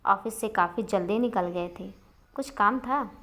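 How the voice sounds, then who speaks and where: A woman's voice: medium pitch, unhurried, fairly bright tone. A woman voicing a stern, scolding middle-aged father in a storybook reading. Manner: firm, scolding.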